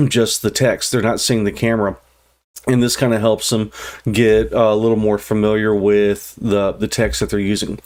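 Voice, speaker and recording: A man's voice: fairly low pitch, a little mellow. A middle-aged man giving an informal, unscripted explanatory lecture as an instructor, in a conversational way. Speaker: instructor presenting a lesson.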